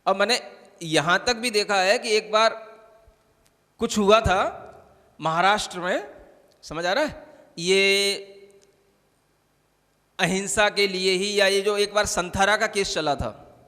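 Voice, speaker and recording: Male monk, high bright voice, chatty sermon, long hall reverb. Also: slow, long pauses. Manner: conversational preaching, keeps asking "समझ आ रहा है?". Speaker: Jain monk.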